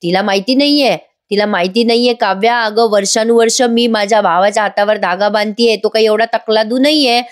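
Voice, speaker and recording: A woman's voice: mid-range voice, steady tone, a little fast, few pauses, natural voice. A woman voicing a scheming middle-aged aunt in a TV serial recap, with wailing, pleading reproaches. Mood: indignant.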